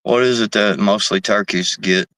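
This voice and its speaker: A man's voice: on the low side, steady tone, moderate pace, a bit bright, dry recording. A man hosting a casual live stream, reading chat messages, talking loosely and profanely and saying "man" and "bro" all the time. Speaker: livestream host reading chat.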